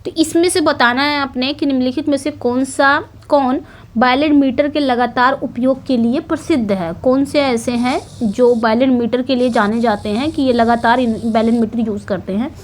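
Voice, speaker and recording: Woman, exam-prep teacher, high voice, explains step by step, slow read-outs, self-corrections. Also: fairly even intonation, a little hiss or hum. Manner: explains in Hindi, reads English questions slowly; repeats herself, self-corrects.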